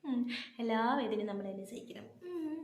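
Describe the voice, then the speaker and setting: A woman's voice: fairly high pitch, moderate pace. A young woman vlogger, telling a personal story casually and acting out the dialogue. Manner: animated, acts out dialogue. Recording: echoey room with faint noise.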